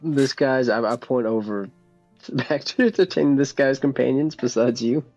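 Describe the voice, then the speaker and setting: A woman playing a tabletop game, chatting excitedly with the group. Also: extremely low pitch, moderate pace, lo-fi sound, soft background music. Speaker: player. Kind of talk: casual tabletop game chat.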